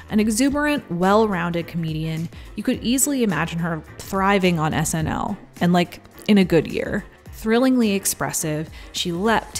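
A woman narrating a scripted video essay as host, conversational with wry asides. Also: on the low side.

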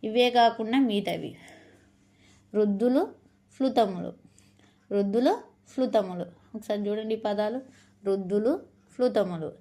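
A woman teaching a lesson for exam preparation, slowly repeating and drawing out each letter of the alphabet. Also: medium pitch, dark tone.

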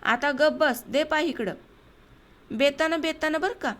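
Woman narrator doing a gruff, teasing village man, high voice, audiobook dialogue. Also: unhurried, fairly bright tone. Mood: blunt. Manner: blunt, bossy village talk.

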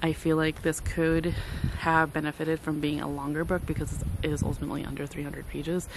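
This is casual, rambling chat from a book vlogger in her thirties who says um a lot, filmed on a phone at arm's length at a lakeside campsite. The outdoor phone audio carries background noise, and her voice is low-pitched and brisk, with little pitch movement.

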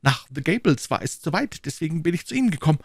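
A frantic, pleading headmaster. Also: male voice, sing-song, fast talker, breathy edge, dry recording, studio quality, full character voice. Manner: high-pitched, agitated, pleading. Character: frantic, breathless middle-aged male school headmaster. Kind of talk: audiobook reading.

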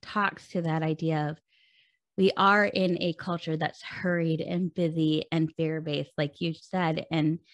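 A woman's voice: deep voice, level tone, a little slow, no room sound. A woman hosting an interview podcast, asking questions and sharing her own experience in an affirming, conversational way. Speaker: podcast host.

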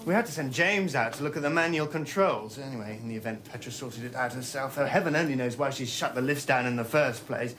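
An actor playing a polite, eager young spaceship officer with a hesitant, apologetic manner, in a television science fiction drama. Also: male voice, medium pitch, quick pace, few pauses, a bit bright, a little hiss or hum, close to an everyday voice. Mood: earnest, awkward. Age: young adult.

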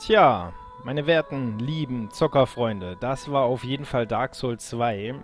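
A man's voice: medium pitch, measured pace. A man giving casual, chatty commentary on a video game, addressing his viewers as friends. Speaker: let's player. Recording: music behind the voice. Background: game music.

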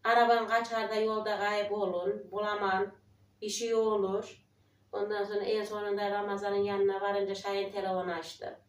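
A woman's voice: mid-range voice, little pitch movement, moderate pace, echoey room, far from the mic. A woman in her forties, talking emotionally to her viewers in a trembling, prayerful voice. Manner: emotional, tearful, prayerful, quoting others. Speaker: village life vlogger. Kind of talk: emotional casual chat to viewers.

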